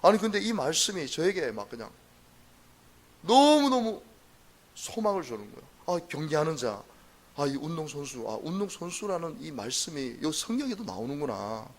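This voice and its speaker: Man, middle-aged pastor, dawn service sermon, earnest storytelling, emphatic repeats, fairly high-pitched. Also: very animated, a little fast. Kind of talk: dawn prayer sermon testimony.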